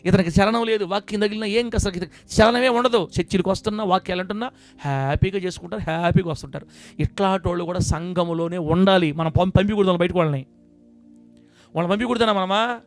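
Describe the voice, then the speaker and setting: A man with a high voice preaches a sermon to a church congregation. His delivery swings from quiet, confiding asides to loud, emphatic bursts. Soft music plays faintly behind him. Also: fast talker. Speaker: pastor. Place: church service before a congregation.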